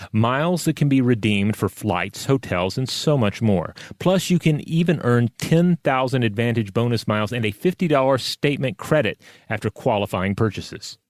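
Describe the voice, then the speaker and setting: Speaking close to the mic in a dry recording with no room sound, this medium-pitched man co-hosts a podcast. His talk is conversational, covering relaxed banter, scripted ads, and letters from listeners.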